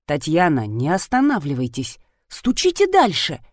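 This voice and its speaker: A woman voicing a pompous male animal psychologist who gives grand, rapid instructions in a lowered voice. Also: huge pitch swings, no echo, clean studio sound, heavily acted.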